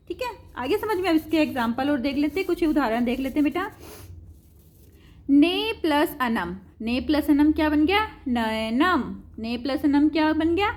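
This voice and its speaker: Speaking to her pupils as children, a woman with a high voice leads a grammar lesson, going over every example again with patience.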